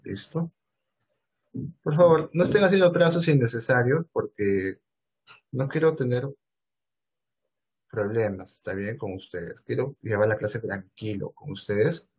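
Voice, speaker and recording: A man's voice: medium pitch, a little slow, long pauses, a little mellow, husky. A man with a Peruvian Spanish accent teaching math in an online class over a video call, asking questions and answering them himself. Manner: asks and answers his own questions.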